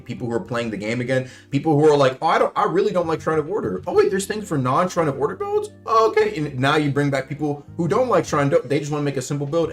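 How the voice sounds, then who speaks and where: Young male streamer, mid-range voice, rambling casual game talk, light swearing, soft music bed. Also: medium pitch. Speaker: gaming streamer.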